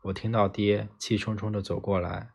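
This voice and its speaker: A man's voice: lowish voice, flat delivery, normal speed, gravelly, slightly rough. A man reading a novel aloud in the first person, narrating steadily and plainly as an audiobook reader.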